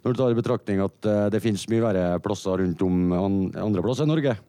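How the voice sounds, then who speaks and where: Mellow man, dry sound. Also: fairly low pitch, no echo. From central Norway. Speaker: radio panel guest. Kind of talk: casual chat.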